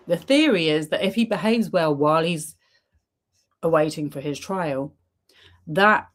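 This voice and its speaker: Low-voiced woman, slow and chatty. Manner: chatty, many ums, retells with quoted lines. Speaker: streamer reacting to a documentary. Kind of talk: casual commentary.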